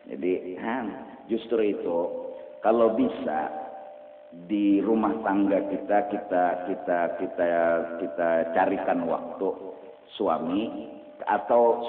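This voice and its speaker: Slow Banjar preacher in an echoey mosque. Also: male voice, lowish voice. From South Kalimantan, Indonesia. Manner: mixes Arabic quotes with local speech, chants call to prayer. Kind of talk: sermon. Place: mosque prayer hall. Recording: echoey hall over a tinny, noisy line.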